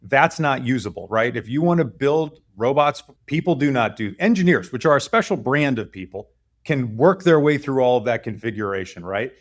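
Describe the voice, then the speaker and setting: A man's voice: mid-range voice, lively intonation, normal speed. A man speaking as a guest head of product, explaining fluently and checking in with "right?". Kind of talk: interview explanation.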